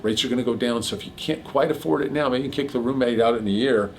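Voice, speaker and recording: A middle-aged man rattles through loan numbers at a rapid clip, joking as he goes. His voice sits at an ordinary pitch. A faint hum of room sound runs underneath. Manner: rapid, jokey, piles on figures. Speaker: mortgage broker host. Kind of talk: casual explanatory chat.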